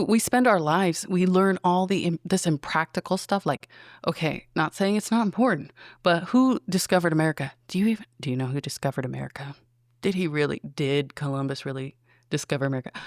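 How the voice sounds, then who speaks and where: Gravelly, dry-voiced podcast host. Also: medium pitch, dry recording. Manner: rambling, full of rhetorical questions. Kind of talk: casual solo commentary.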